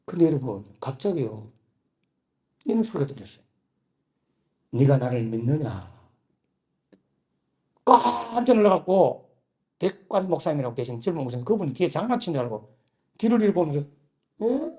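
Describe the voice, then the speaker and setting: A man preaching a sermon in a Gyeongsang Korean accent, telling his own story with lively swings between quiet narration and loud, pleading outbursts. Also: a little high, a little fast, pauses often. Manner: animated storytelling, acting out his own past prayers with sudden loud outbursts. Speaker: pastor. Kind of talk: sermon with personal testimony.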